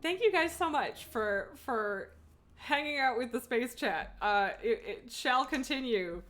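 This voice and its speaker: A woman's voice: on the high side, lively intonation, unhurried, a bit bright. A woman livestreaming a video game, chatting casually and informally, thinking aloud and jumping between thoughts with self-mocking humor. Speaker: video game streamer, host. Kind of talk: casual gameplay livestream chat.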